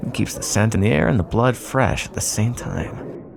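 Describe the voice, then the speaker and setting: A man plays a sly, gravelly vampire in an intimate scripted ASMR roleplay monologue, his voice on the low side at a moderate pace with background noise. Smug and probing, he teases and bargains with his hunter rival, sarcastic and full of drawling asides.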